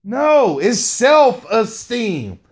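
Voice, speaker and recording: A middle-aged man with a very high, sing-song voice speaks very slowly as he hosts a podcast. He delivers a motivational monologue in a slangy way, repeating lines for emphasis and calling the listener "man" again and again.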